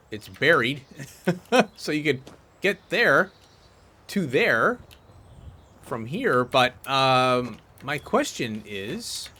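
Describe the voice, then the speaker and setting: A man's voice: medium pitch, pushed and bright. A man giving casual gameplay commentary, chatty and thinking aloud as he goes. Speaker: gaming video host.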